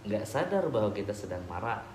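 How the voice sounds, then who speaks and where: A man preaching and answering audience questions in a relaxed, conversational way with everyday examples. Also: on the low side, a little fast. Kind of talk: casual religious Q&A talk. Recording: echoey room with background noise.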